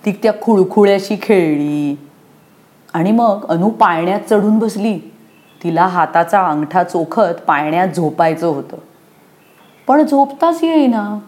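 A woman narrating a children's story aloud with lively, expressive delivery. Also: on the low side, measured pace.

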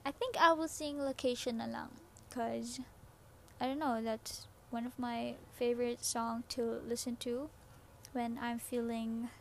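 A woman's voice: a little high, creaky. A woman with a Filipino accent chatting casually and off the cuff as a podcast host, mixing Tagalog and English. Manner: switches between Tagalog and English. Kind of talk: casual ad-lib podcast chat. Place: shared space, not a quiet recording room. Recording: noisy room with background ambience.

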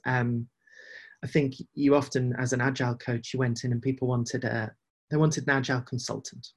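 Speaking as an interview guest on a podcast, an agile coach reflects casually, hesitating and repeating phrases along the way. His voice is medium in pitch and slightly rough.

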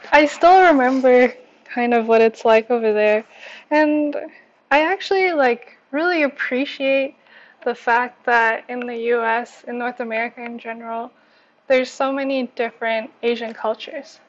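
A woman from Canada with a slightly high voice talks in an upbeat, friendly way in a casual discussion. Her sound is muffled and lo-fi, like an online call. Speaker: panel guest. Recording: dull lo-fi recording.

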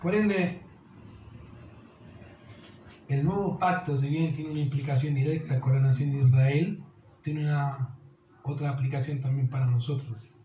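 Echoey, mellow-voiced male pastor preaching. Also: a little high, steady tone, measured pace, long pauses, slight background noise. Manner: earnest preaching, addressing listeners as "querido". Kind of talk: sermon.

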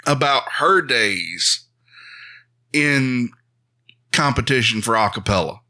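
A man co-hosting a podcast, telling stories in a casual, animated way and laughing along. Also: medium pitch, slow. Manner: animated storytelling, laughs at his own stories. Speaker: podcast co-host. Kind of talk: casual chat.

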